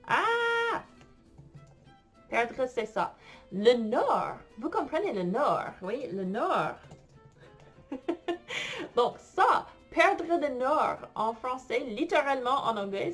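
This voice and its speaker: A woman's voice: on the high side, a bit bright. A woman teaching a French lesson online, explaining vocabulary in a playful way and sometimes singing for her students. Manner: slow, playful, explains words and sings for students.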